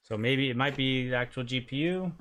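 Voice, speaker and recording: A man with a medium-pitched, slightly bright voice talks fairly quickly while hosting a console repair stream. He chats casually, mutters to himself as he works, and swears now and then.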